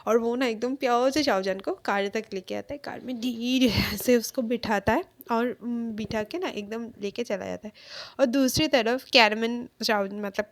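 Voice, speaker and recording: A woman's voice: on the high side, moderate pace. A woman casually retelling a fan-fiction story in a chatty way, with fillers and self-corrections.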